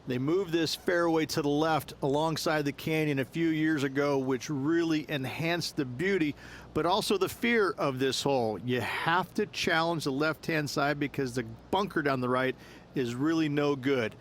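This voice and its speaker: Actor doing golf commentary guy for a game, explains stuff conversationally, a little high pitched, slight background ambience. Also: moderate pace, slight background noise, natural voice. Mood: explanatory. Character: conversational male golf analyst explaining the course.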